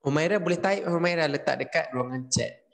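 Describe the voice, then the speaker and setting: Male history tutor, Malaysian Malay accent, online class, lively questioning style, slightly higher voice. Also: fairly quick, gravelly, a little hiss or hum. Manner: lively, asks students questions, mixes in English.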